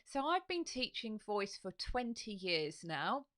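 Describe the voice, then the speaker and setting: A middle-aged woman, a voice coach, teaching in a lively, demonstrative way with frequent laughs, on a studio microphone at home. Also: mid-range voice, slow. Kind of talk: instructional live video. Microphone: studio microphone on a stand.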